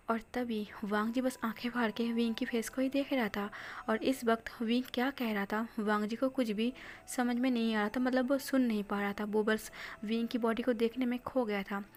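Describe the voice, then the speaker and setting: A woman reading a fan-fiction story aloud, her narration soft and often half-whispered. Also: fairly high pitch.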